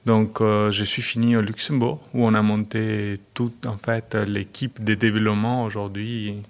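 A middle-aged man, a guest on a radio interview, who talks haltingly with many restarts and fillers. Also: lowish voice, level tone. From Argentina. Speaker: guest, company director.

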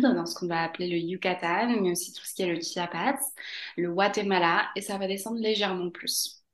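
A woman's voice: fairly low pitch, echoey room. A woman from Mexico, a podcast guest talking casually, hesitating with many fillers and laughing often. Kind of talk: casual interview.

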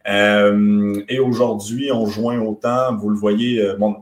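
A low-voiced man with a light Québécois accent hosts a live webinar, speaking casually and hesitantly with frequent fillers. His voice carries a noticeable room echo. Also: fairly even intonation, takes it slowly. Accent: light Québécois French. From Quebec. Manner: hesitant, many fillers and restarts. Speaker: webinar host.

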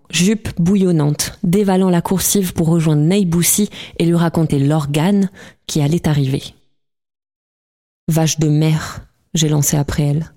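A woman reading a novel aloud as an audiobook in a calm, measured way. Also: low-pitched. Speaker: audiobook reader. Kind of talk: scripted literary narration.

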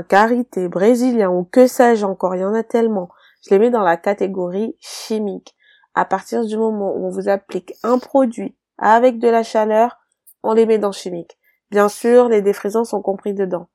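A woman's voice: mid-range voice, warm tone, no echo. A woman hairdresser hosting her own podcast, giving direct advice and pleading with emphatic repeats. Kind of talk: solo podcast advice monologue.

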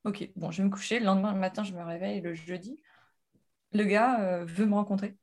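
A Frenchwoman in her thirties, a guest entrepreneur, tells her story in a casual interview. She's animated and full of fillers and restarts, speaking at a medium pitch and a little fast.

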